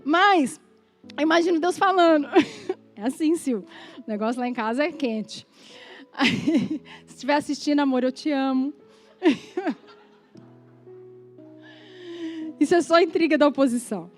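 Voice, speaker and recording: A Brazilian woman pastor preaching a sermon in an animated, conversational way, with asides to the congregation. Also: sits high, takes it slowly, long pauses, soft background music. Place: church.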